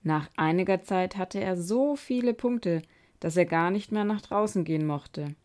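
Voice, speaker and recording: Casting: female podcast host reading a kids' story, calm, slightly low voice. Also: normal speed. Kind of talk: reading a children's story aloud.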